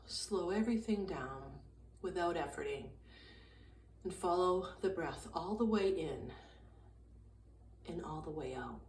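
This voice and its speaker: This is a guided meditation from a gentle, calm woman whose voice sits slightly low; she moves very slowly, offering brief phrases with long pauses in between. Faint noise and a roomy echo suggest a distant microphone.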